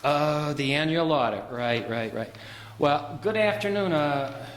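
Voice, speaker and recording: A man acting a harried small-town banker and father in a stage radio play, urgent and emphatic, halting when rattled. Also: on the high side, lively intonation. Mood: brisk. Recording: echoey hall with background noise.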